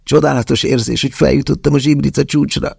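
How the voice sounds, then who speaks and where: A man voicing an excitable male hiker in an audiobook, with an eager, exclaiming manner. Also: mid-range voice, vocal fry, breathy edge, no echo, studio quality, pitched above the performer's own voice, heavily acted. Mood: excited.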